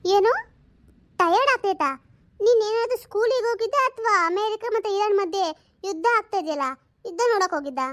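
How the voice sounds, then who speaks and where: A chatty housewife scolds, gossips and frets in a homely comedy sketch, as a woman plays her. Her voice sits very high, and she swings easily into nagging. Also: fairly quick. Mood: scolding.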